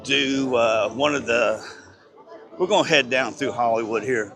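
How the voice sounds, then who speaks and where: A man live-streaming as he walks through an outdoor theme park at night, excited and a little breathless, rambling and chatting with passersby on a handheld phone. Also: medium pitch, unhurried, music in the background. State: slightly breathless. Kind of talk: casual walking live-stream chat.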